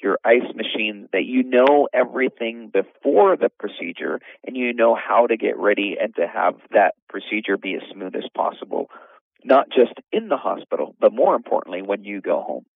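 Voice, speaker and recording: A man's voice: on the low side, expressive, normal speed, vocal fry, slightly rough, no echo, narrow, tinny audio. A man, an orthopedic surgeon, explaining things in a podcast interview with many fillers and restarts.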